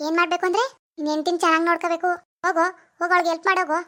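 A woman's voice: very high-pitched, flat delivery, racing, bright, forceful tone. A woman voicing a vengeful female ghost in a cartoon, scolding and threatening a lazy husband. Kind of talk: animated cartoon voice acting.

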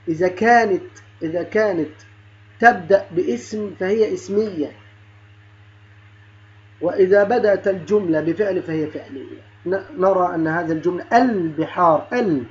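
Male primary teacher, slightly high voice, patient and repetitive, dull lo-fi recording with faint room hum. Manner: patient, repeats and spells out sounds, praises pupils. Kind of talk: primary-school grammar lesson.

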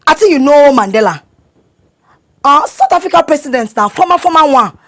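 A woman with a high-pitched, brisk voice acts as a boastful young woman headed for university. Speaking Nigerian Pidgin, she tells her story with animated swagger, bragging all the way.

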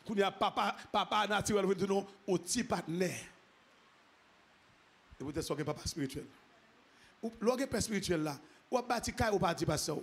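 High-voiced pastor preaching. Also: male voice, lively intonation, normal speed, pauses often, slightly rough. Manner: preaching that rises into shouted, half-sung exclamations; repetitive, call-and-response phrasing. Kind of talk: sermon.

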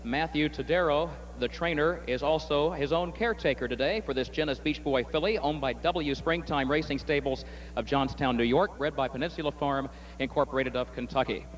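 A man calling a harness race as the track announcer, reading entries and calling the running order in crisp broadcast style. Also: a little high, slight background noise, rough recording. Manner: rapid crisp calling, rising excitement in stretch. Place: outdoor racetrack.

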